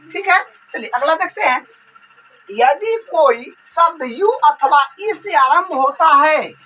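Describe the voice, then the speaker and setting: Lady teacher going over grammar rules, high voice, takes her time, says things twice. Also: a bit bright, far from the mic, a little hiss or hum, poor audio. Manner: slow, repetitive explaining. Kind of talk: grammar lesson explanation.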